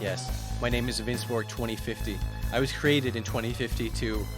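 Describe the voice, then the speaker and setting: A man's voice: medium pitch, fairly even intonation, normal speed, close to an everyday voice. Guy reading out a cyborg baller doing computer processing lines, scanning and error messages, plain voice, game music behind. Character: amnesiac male cyborg basketball player, mechanical. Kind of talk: let's play reading the game's text aloud.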